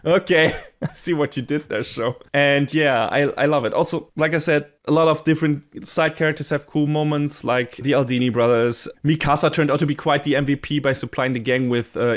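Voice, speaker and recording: A man in casual podcast chat, reviewing with bubbly enthusiasm. He rambles and restarts his sentences often, piling up thoughts as he goes. His voice sits at an ordinary middle pitch. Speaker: podcast co-host reviewing anime.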